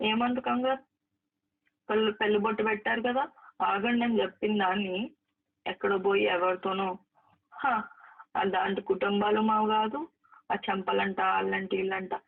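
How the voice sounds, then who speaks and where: A gravelly, medium-pitched actress reproaches someone in a heated private phone conversation, arguing emphatically and repeating herself. It's captured as a narrow, tinny phone-line recording.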